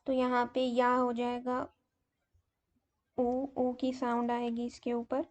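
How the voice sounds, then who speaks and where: A woman teacher slowly explaining grammar, pausing often with fillers. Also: a little high, monotone. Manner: slow, hesitant explaining with many fillers. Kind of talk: grammar lesson in Urdu mixed with English terms.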